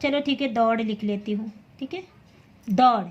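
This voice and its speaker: A woman teaching a class, reading syllables aloud one by one in a patient, clear drill and quickly correcting her own slips. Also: a little high, lo-fi sound. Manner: addresses students as children.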